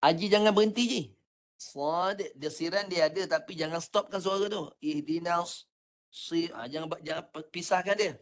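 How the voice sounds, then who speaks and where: Patient Malaysian ustaz coaching recitation. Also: male voice, sits high. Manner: patient, coaching, demonstrates sounds slowly. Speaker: Quran recitation teacher. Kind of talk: online class teaching.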